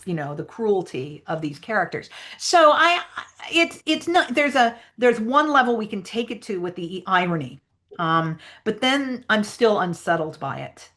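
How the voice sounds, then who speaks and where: A woman's voice: on the low side, a bit bright. A woman English professor giving an online teaching workshop, reflective and self-correcting, on a video call. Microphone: computer mic on a video call.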